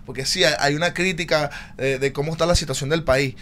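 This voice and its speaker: A man's voice: fairly high pitch, fairly even intonation, fast talker, a bit bright, slight background noise. A man from Venezuela with a Venezuelan accent, hosting a casual sports podcast and pressing his points emphatically, often repeating them. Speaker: podcast host.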